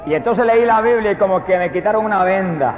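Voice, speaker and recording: A man with a high voice preaches a fervent testimony sermon. He swings between quiet, intimate telling and loud proclaiming. The old recording sounds dull and lo-fi, with long echo from a large hall. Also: fast talker, a little hiss or hum. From Puerto Rico. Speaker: evangelist preacher.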